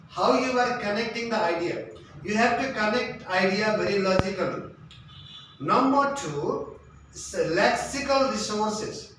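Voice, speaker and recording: Bright and high-pitched, the tutor's voice drives an English lesson built on emphasis, repetition, and questions and answers. Echo from the room, a far-off microphone, and slight background noise mark this instructional lecture recording.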